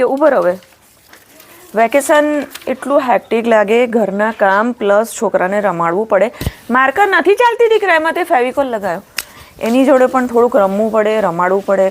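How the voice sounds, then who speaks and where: A Gujarati woman chatting casually in a vlog, often calling to her child and her cows in a high, coaxing sing-song voice, outdoors on a farm. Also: slight background noise. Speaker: vlogger and mother.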